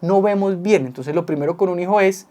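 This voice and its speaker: In a casual advice talk alongside his wife, a man who is a psychologist illustrates his points with vivid everyday examples and quotes he acts out. He speaks briskly in a high, darkish voice.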